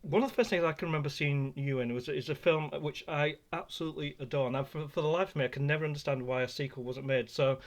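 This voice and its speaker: Hesitant podcast host. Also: male voice, on the high side, steady tone, fast talker, hardly any pauses. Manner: hesitant, many fillers and restarts. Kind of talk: casual interview.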